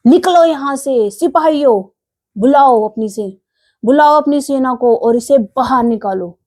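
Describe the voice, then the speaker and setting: A woman's voice: high voice, lively intonation, measured pace, darkish tone. A woman voicing a haughty king in a children's story, imperious and commanding.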